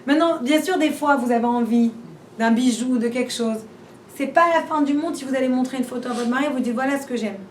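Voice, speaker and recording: A woman's voice: high voice, fast talker. A woman giving an informal class, chatty and full of rhetorical questions, repeating and restarting as she talks. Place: room where she teaches a class. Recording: roomy and distant, faint background noise.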